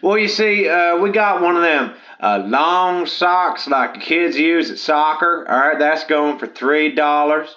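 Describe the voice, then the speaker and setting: A man's voice: on the high side, measured pace, hardly any pauses, sharp tone. An actor playing a simple, folksy man who rambles and hesitates as a caller on a radio call-in show, heard over the phone. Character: simple folksy man selling odd socks. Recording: muffled phone line.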